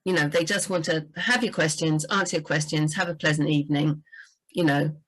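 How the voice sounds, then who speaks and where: A woman with a slightly low voice chats as a book editor. She talks loosely, with lots of "you know" and self-corrections. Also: steady tone, brisk, a bit bright, poor audio. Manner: chatty, frequent "you know" and restarts. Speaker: book editor and writing coach. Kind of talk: casual livestream chat.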